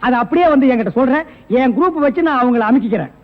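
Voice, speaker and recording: An actor playing a boastful, bumbling private detective who answers with quick, mocking comic retorts, in 1980s film comedy style. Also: male voice, very high-pitched, lively intonation. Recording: dull old film soundtrack.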